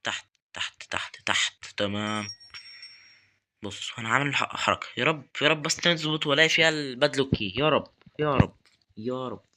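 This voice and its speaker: A man's voice: mid-range voice, brisk, bright, forceful tone, a little hiss or hum. A young man with an Egyptian Arabic accent commentating a horror game, nervously muttering prayers and taunting the game. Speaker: gaming YouTuber.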